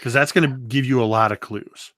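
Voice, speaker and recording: A man guesting on an interview, telling game-table stories in a lively, animated way. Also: medium pitch, fairly quick, dry recording, studio quality. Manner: lively storyteller, does voices and moves around. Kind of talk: casual interview talk.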